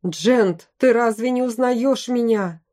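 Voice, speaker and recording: A woman's voice: a little high, takes it slowly, mellow. A woman voicing a loyal, emotional male general. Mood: pleading. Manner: urgent exclamations.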